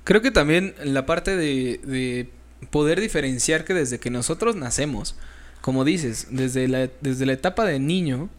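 A man co-hosting a casual chat in an animated way that slips into acted-out little voices. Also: mid-range voice, unhurried. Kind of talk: casual conversation.

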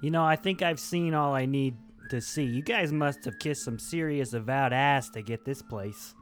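A man's voice: mid-range voice, normal speed, lightly acted. A man voicing a scornful, grudging dwarf tavern rival in a tabletop game. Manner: sneering, grudging. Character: scowling bald dwarf, disdainful envious rival tavern keeper.

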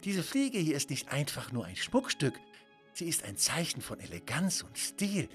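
A genteel, dapper male unicorn, as a storybook narrator puts him on, courteous and flowery in every phrase. his voice sits a little high and swings about in a lively way. faint music plays beneath the reading. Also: moderate pace. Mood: gracious. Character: refined, elegant male unicorn wearing a bow tie.

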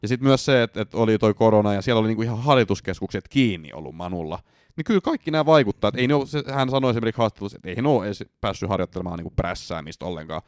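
A man co-hosting a podcast in a heated casual debate. He talks in an animated way, swears freely, and throws in fillers all the time. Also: no room sound, studio quality. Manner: animated, swearing, frequent "tiiäks" fillers, pitch jumping up when arguing. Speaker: podcast co-host.

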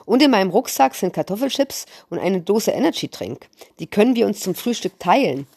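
A woman's voice: mid-range voice, big pitch swings, fairly quick, vocal fry, darkish tone, husky, no echo, clean studio sound, heavily acted. A woman voicing a sulky, puzzled schoolboy in a read-aloud storybook. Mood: grumbly, puzzled. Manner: sulky and wondering.

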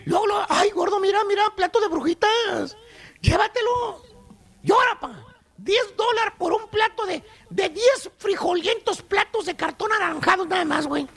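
A man's voice: extremely high pitch, normal speed, a bit bright. A man voicing a mocking, streetwise Mexican comic character with a Chicano accent, ranting in slang. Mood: exasperated. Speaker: comedy show host.

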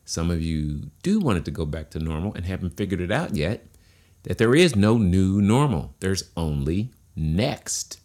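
A man's voice: low-pitched, very animated, moderate pace, a little mellow. A man giving a motivational monologue, asking rhetorical questions and repeating key phrases in a preachy way. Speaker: motivational speaker.

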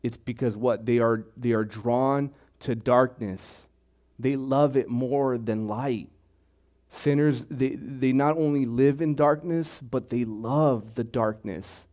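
Male pastor, slow measured sermon delivery, repeats phrases, mid pitch. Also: fairly even intonation, a little mellow. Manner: slow, deliberate preaching with repetitions. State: throat clearing, choked up.

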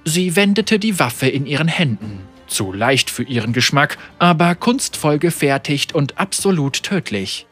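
A man reading an audiobook story as narrator, with measured, vivid storytelling. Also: a little high, sing-song, a bit bright, breathy edge, faint music behind. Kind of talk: scripted narration.

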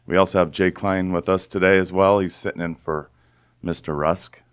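Deep-voiced man with morning voice. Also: brisk, smooth. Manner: relaxed, chatty, bit groggy. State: early-morning voice. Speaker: podcast host. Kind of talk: casual chat.

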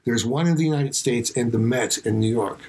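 Animated man telling a story. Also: mid-range voice, a little fast. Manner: animated storyteller, acts out quotes. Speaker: musician and video director. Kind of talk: casual chat.

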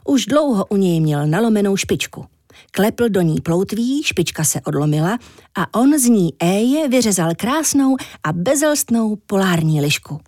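A woman narrating a children's story in an expressive, animated storybook reading. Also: medium pitch, no room sound, studio quality.

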